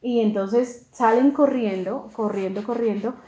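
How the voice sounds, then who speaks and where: A woman preacher retelling a scripture story in a sermon, animated, with restarts and voiced quotes. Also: a little high, measured pace, reverberant, poor audio.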